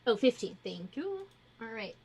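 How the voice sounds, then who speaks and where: A woman narrating casually as dungeon master, relaxed and halting, with many fillers. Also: a little high, noisy background.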